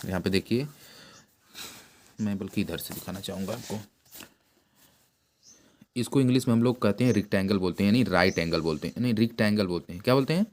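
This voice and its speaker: A man giving an informal math lesson who keeps repeating terms and quizzing his pupil with quick questions. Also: on the low side, a little mellow. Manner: plain conversational delivery with frequent restarts. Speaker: math teacher.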